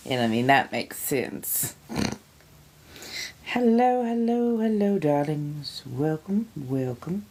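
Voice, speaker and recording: A woman with a low voice that swings widely in pitch hosts a casual livestream. She talks in an unhurried, theatrical way, full of affectionate greetings. She often chats between bites and sips. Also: lively intonation. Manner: theatrical, effusive, with affectionate pet-name greetings; eating and sipping while talking. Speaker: livestream host. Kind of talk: casual livestream chat to viewers.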